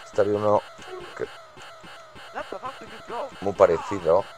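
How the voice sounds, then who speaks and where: Male streamer, very low gravelly voice, mutters to himself through retro arcade play. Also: fairly even intonation, measured pace, darkish tone. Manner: muttering, talks to himself while playing. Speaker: gaming streamer. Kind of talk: casual gameplay commentary.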